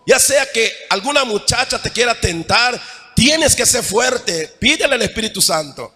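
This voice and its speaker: A Mexican pastor delivers a sermon from the pulpit in a high, bright, expressive voice at normal speed. He keeps checking in with the congregation, switching between emphatic, near-shouted points and quieter asides. His voice rings through the church hall with a long echo tail.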